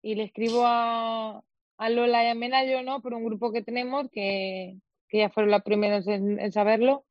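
A woman's voice: fairly high pitch, steady tone, moderate pace, dry recording, muffled recording. A young woman from Spain, a guest in an interview, recounting a difficult personal experience with many quoted dialogues and restarts. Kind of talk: emotional personal account in an interview.

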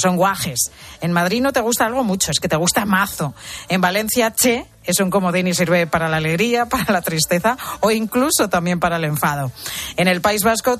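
A woman presenting a radio news feature in a lively, conversational way. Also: on the low side.

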